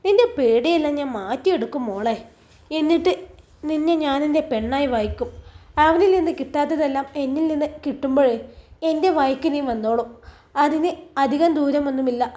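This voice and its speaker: A woman's voice: sits high, brisk, warm tone. A woman with a Malappuram Malayalam accent telling a story and acting out the dialogue dramatically, switching voices for the characters.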